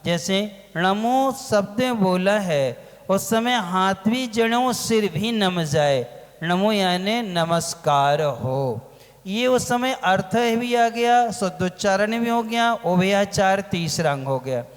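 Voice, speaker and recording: A man giving a religious lecture as a monk, asking his listeners questions and answering them himself, drawing out key words slowly. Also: high voice, expressive. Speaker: Jain monk teaching a scripture class. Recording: long hall reverb.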